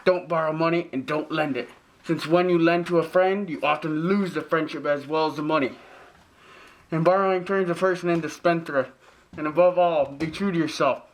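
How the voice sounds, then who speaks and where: Man as a pompous high-pitched lecturing father. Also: fairly even intonation, normal speed, close to an everyday voice, low-quality recording. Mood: preachy. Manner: lecturing, scolding. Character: pompous, preachy, overbearing father of grown children. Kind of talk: parody drama acting, modern-English Shakespeare.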